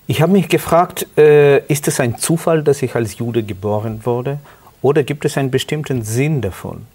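A middle-aged man from Ukraine with a Ukrainian accent, earnestly telling his life story as a guest in halting German. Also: medium pitch, a little mellow, breathy edge. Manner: earnest, halting non-native German with restarts. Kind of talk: personal testimony interview.

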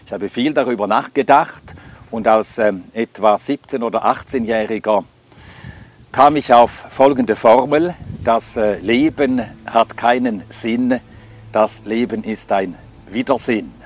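An older Swedish-speaking man from Scandinavia gives a personal life testimony, reflective and hesitant with plenty of fillers. His mid-range voice moves a little slowly, and there's a slight hiss or hum in the recording.

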